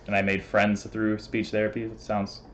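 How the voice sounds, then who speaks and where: Fast-talking man with a lowish voice. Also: monotone, a bit bright, muffled recording, a little hiss or hum. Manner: talks fast, laughs often, many fillers. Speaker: guest. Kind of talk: casual interview.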